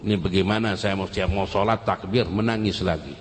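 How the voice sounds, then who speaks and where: A man's voice: low voice, steady tone, fairly quick, long reverb tail, slight background noise, natural voice. A man voicing a tearful, repentant young male student who pleads with his teacher during a sermon. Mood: pleading.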